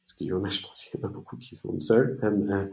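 A man from East Germany, a native German speaker, answering interview questions in a halting way with many fillers and restarts. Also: deep voice, creaky, darkish tone, reverberant. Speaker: entrepreneur guest.

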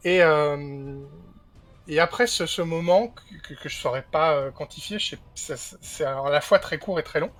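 Male player, slightly higher pitch, voice-chat mic; hesitant storyteller who keeps restarting. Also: moderate pace, a bit bright, slight background noise. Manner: hesitant, full of fillers and restarts. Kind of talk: narrating his character's actions in a tabletop game. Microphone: push-to-talk voice chat.

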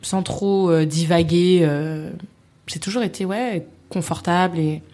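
A woman's voice: on the low side, a little slow, warm tone. A woman from France, a podcast guest, talking in a reflective, casual way with frequent hesitations.

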